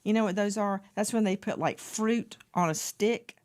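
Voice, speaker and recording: A woman's voice: mid-range voice, normal speed, darkish tone. A woman interviewer talking conversationally about a true-crime case, laying out details item by item in short, emphatic sentences.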